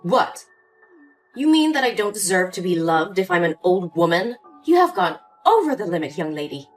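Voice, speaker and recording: A woman's voice: on the low side, very animated, moderate pace. A woman voicing a cold, condescending older mother in a story drama, with faint music behind. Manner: cool, condescending.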